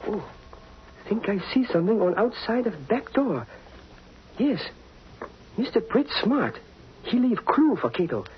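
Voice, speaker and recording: High-voiced loyal sidekick Cato. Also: male voice, very animated, a little slow, long pauses, slight background noise. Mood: pleased, intent. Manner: clipped broken English, thinking aloud. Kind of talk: 1940s radio acting. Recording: dull 1940s radio broadcast, music behind.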